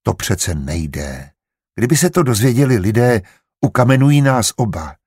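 A man's voice: low-pitched, breathy edge, no echo, clean studio sound. A man voicing a sincere, earnest married woman who speaks with restraint in an audiobook. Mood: reproachful. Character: sincere married woman, careful of her name. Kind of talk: audiobook character reading.

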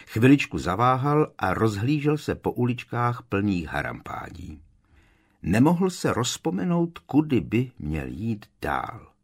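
A man narrating an audiobook in a measured storytelling manner. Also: medium pitch, sing-song. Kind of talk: scripted narration.

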